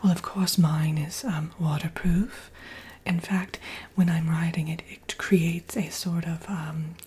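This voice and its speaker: A woman voicing a prim, fussy witch villainess in a breathy, hesitant ASMR whisper, chatting and gently scolding up close. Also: deep voice, flat delivery, slow, heavily acted. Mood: chatty, musing. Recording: audible background noise.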